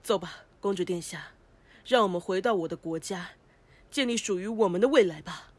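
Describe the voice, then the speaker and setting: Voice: mid-range voice, moderate pace, close to an everyday voice. A voice actor playing a gallant young prince, once a cursed frog, in a cartoon, speaking in a grand, poetic, courtly way. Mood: smug. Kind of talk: cartoon voice acting.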